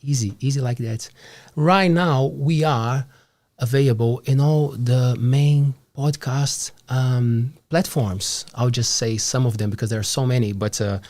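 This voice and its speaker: A man's voice: medium pitch, darkish tone. A man in his thirties hosting a live studio show, talking in a friendly, upbeat way with many fillers. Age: 30s. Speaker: show host. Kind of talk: casual live show chat. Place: small studio.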